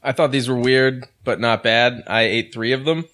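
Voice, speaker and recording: A man's voice: mid-range voice, fairly even intonation, moderate pace, a bit bright. A man co-hosting a casual snack review, making dry, wry remarks.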